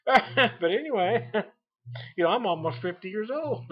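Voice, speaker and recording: A man's voice: high-pitched, lively intonation, measured pace, breathy edge. A man in his forties chatting casually as a beer vlogger, rambling and folksy, laughing often between thoughts. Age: 40s. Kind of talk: casual chat. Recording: lo-fi home recording.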